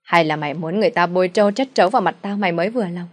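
Woman doing a drunken father, furious, shouting, fast, slightly low voice. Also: natural voice. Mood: raging. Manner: shouting insults, fast and loud. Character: drunken abusive middle-aged father, raging.

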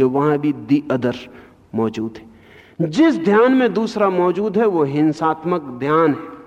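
A man giving a spiritual discourse, speaking slowly and with emphasis, his voice rising sharply on key points, in a lo-fi archival recording. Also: mid-range voice. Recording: lo-fi archival recording in a long-reverb hall.

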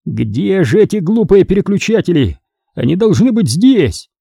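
A man voicing an eager, careless middle-aged father in an audiobook, talking excitedly and defensively. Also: high voice, moderate pace, no echo, studio quality, pitched above the performer's own voice, exaggerated voice. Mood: flustered.

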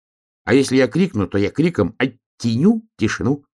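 A man voicing a small, eager, bossy male hedgehog in a storybook reading, talking in an excitable, insistent way. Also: mid-range voice, normal speed, pitched above the performer's own voice. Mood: insistent, excited.

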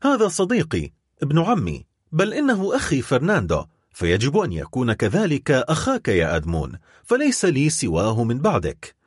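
A man voicing a gentle young woman in an audiobook, speaking calmly and firmly in a raised voice. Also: medium pitch, fairly quick, slightly rough, no room sound, clean studio sound. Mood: eager pleading. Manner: calm, composed. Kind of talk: audiobook character voice.

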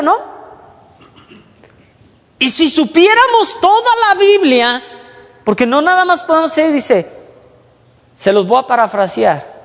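A man preaching to a youth group, lively and conversational, mimicking whiny young voices and dropping low for emphasis. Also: big-room sound. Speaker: youth pastor. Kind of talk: sermon.

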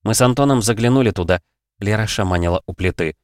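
Low-voiced male audiobook narrator. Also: fast talker, a little mellow, no room sound, studio quality. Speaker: audiobook reader. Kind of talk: scripted first-person narration.

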